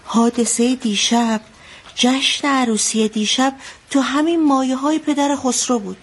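A woman's voice: high voice, fairly even intonation, slightly rough. An actress playing an anxious mother who recounts a bloody wedding in a radio drama, telling it vividly. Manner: vivid storytelling, shouting out the quotes she retells.

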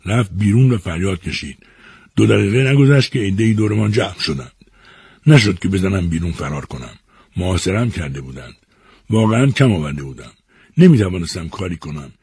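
Breathy, dramatic male story narrator. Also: deep voice, animated, a little mellow, dry recording, clean studio sound. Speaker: voice actor.

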